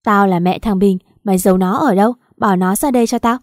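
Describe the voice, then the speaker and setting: A woman voicing a wealthy woman in her forties who shouts, curses and scolds scornfully in an audio story. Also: mid-range voice, quick pace, no room sound, clean studio sound, natural voice. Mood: scolding. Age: 40s. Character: shrill furious wealthy older woman.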